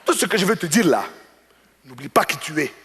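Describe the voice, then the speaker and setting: A man voicing a pushy, proud, easily offended male customer who lectures loudly in a stand-up comedy bit on a large theater stage. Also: on the high side, brisk. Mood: indignant. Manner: indignant, lecturing, rising to excited outbursts. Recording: stage mic with hall reverb, faint noise.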